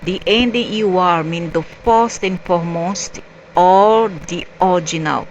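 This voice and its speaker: Woman narrator, reads a story slowly and haltingly, lowish voice. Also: lo-fi sound, slight background noise. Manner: halting, spells out word endings letter by letter. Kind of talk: reading a story aloud.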